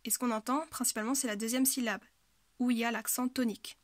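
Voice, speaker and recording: A woman's voice: fairly high pitch, steady tone, fast, no echo. A woman teaching a language lesson, patiently explaining pronunciation rules and repeating example words, with frequent hesitations.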